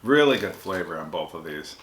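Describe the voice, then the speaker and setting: A man's voice: low voice, animated, brisk, a bit bright. An American man giving laid-back, agreeable comments in a casual food taste test. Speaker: food review vlog co-host. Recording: echoey room with background noise.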